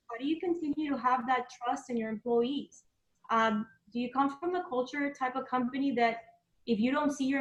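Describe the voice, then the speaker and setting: A woman presenting a live webinar in a loose, conversational way, with frequent ums and asides. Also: a little high. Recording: roomy echo.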